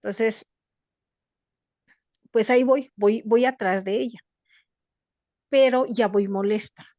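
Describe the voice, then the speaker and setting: Middle-aged Mexican woman, earnest group-session storyteller with a halting delivery, over muffled video-call sound. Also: on the high side, darkish tone, no echo. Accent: Mexican Spanish. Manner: earnest, halting, with many restarts. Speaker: workshop participant.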